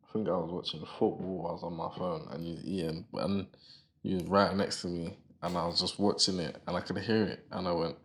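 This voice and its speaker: A man's voice: sits low, steady tone, a little fast. Man, podcast co-host, laid-back, teasing, casual chat.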